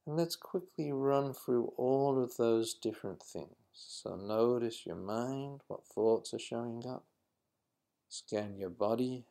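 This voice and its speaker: A man leading a guided mindfulness exercise in a slow, calm, instructive manner. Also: fairly low pitch, gravelly. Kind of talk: guided meditation.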